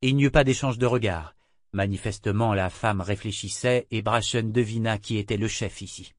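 A man narrating an audiobook in a measured, even storytelling manner on a close studio mic. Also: fairly low pitch, no room sound.

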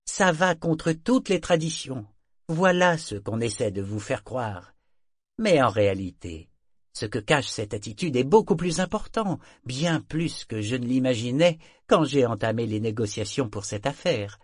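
A man plays a scheming male ship dealer in a storybook. He talks pitched up and loud, eager and persuasive. The sound is close and dry. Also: animated, unhurried, no room sound.

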